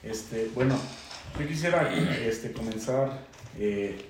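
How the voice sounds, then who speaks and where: A man's voice: mid-range voice, expressive, slow pace. Man, hesitant testimony, echoey room, faint hiss. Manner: hesitant, with fillers. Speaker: church member giving testimony.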